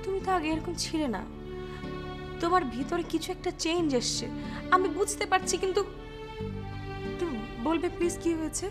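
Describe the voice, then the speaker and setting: A woman's voice: extremely high pitch, fairly even intonation, moderate pace, long pauses, music in the background. An actress playing a wife who pleads with and confronts her husband, hurt by him. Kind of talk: TV drama acting.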